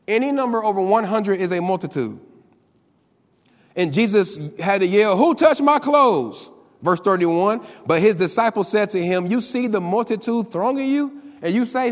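A man preaching a sermon as pastor, calling on the congregation to answer back and building up to loud, emphatic peaks. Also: high voice, big-room sound.

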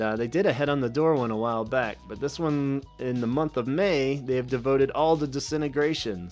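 A man hosting a podcast, talking loosely and casually with plenty of fillers. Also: mid-range voice. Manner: loose and rambling, many fillers. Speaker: podcast host.

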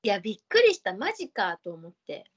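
A young woman from Fukuoka speaking in Hakata dialect, co-hosting a casual chat and telling a story with lively voiced quotes. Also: mid-range voice, fast. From Fukuoka, Japan. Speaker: podcast co-host, salon worker. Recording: slightly dull lo-fi recording, faint noise.

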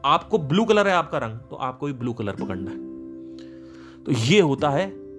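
A man's voice: mid-range voice, big pitch swings, moderate pace, fairly bright tone, soft background music. A man hosting a podcast, telling anecdotes from running his band in an emphatic, casual way and acting out the people in them. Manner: emphatic, anecdotal, quotes people in their own voices. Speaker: podcast host and band leader. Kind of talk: casual storytelling monologue.

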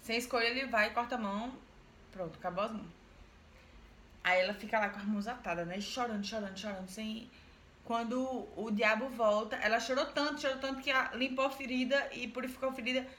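A woman retells a folk tale in a loose, chatty way, repeating words for emphasis and turning to her listener. Her voice sits on the high side. The room is echoey, with faint noise behind. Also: fairly even intonation, brisk, fairly bright tone. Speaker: storyteller. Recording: roomy echo, faint background noise.

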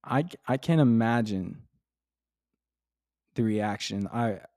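A man's voice: fairly low pitch, slow pace, darkish tone, no echo, clean studio sound. A young man hosting a casual faith podcast from his dining room, talking enthusiastically and rambling with lots of fillers. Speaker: podcast host. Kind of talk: casual devotional podcast talk.

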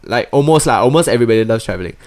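A man's voice: medium pitch, expressive, racing, a little mellow. Young male podcast host, Singaporean, loose conversational Singlish delivery. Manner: speaks Singlish, with particles like lah, leh and meh. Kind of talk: casual chat.

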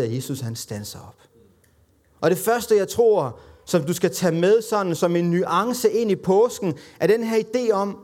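A man with a high voice preaches in a loose, conversational way. He pokes fun at himself and slips into the voices of the people in the story as he retells it. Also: darkish tone. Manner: conversational, self-deprecating, acts out quoted voices. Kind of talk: sermon.

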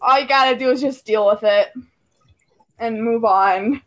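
A woman's voice: fairly high pitch, no echo, muffled recording. Exasperated woman herding friends in improv. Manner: bossy, exasperated, fast and overlapping. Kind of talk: improv comedy over a call.

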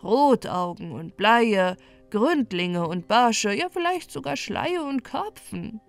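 A woman's voice: a little high, very animated, slow, vocal fry, faint music behind, full character voice. A sly, nasal pike, as a woman puts him on. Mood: smug. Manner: smug, sly politeness. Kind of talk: storybook reading.

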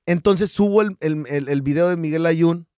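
A Mexican man with a Mexican Spanish accent talks as a guest on a casual podcast. His voice sits a little high for a man, and the sound is dry and close-miked. He tells stories with energy, drops in slang and curse words, and puts on voices for the people he quotes. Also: normal speed, no echo. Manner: animated storyteller who acts out quotes, slangy and profane. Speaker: podcast guest, business founder.

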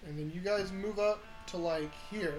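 A man's voice: sits high, moderate pace, faint music behind, rough recording. A man casually narrating a tabletop game as game master, with loose delivery and frequent restarts.

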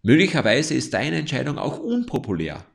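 A man giving a motivational coaching talk, speaking directly to the listener in a calm, explanatory way. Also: mid-range voice, a little fast, vocal fry, breathy edge.

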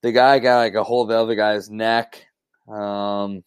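A man's voice: fairly low pitch, level tone, a little slow, smooth, no echo. A man on a podcast telling a story in casual chat, rambling with lots of fillers and restarts and swearing freely. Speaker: podcast co-host.

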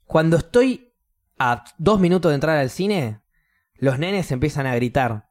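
Animated Rioplatense man telling a story. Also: fairly high pitch, measured pace. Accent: Rioplatense Spanish. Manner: animated, swears, acts out quotes loudly. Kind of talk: casual chat, storytelling.

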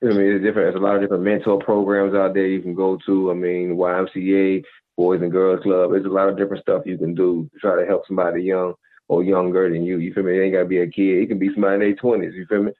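A very deep-voiced man holds forth on a podcast in a preachy, laid-back way. He leans on "you feel me" constantly. His voice comes through a thin, phone-like band. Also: level tone, racing. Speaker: podcast co-host. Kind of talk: casual advice monologue. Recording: tinny phone-like audio.

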